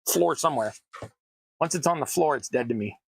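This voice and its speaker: A fairly high-pitched, expressive voice, brisk, creaky and slightly rough, belongs to an American man crafting tabletop terrain on stream. He chats casually and rambles, often at his own expense, while cutting sounds at his worktable fill the background. There's no echo.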